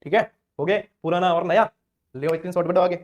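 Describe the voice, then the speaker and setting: Fast-talking high-voiced teacher. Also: male voice, muffled recording. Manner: chatty, playful, acts out little scenes and chants rhymes. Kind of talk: exam-prep lesson with memory tricks.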